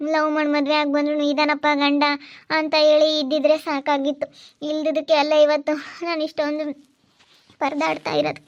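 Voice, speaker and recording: A wronged, sorrowful young village woman, played by a woman, speaking in heartfelt, pleading tones. Her voice is high with little rise and fall. The sound is dull and lo-fi. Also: lightly acted. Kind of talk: amateur village skit acting.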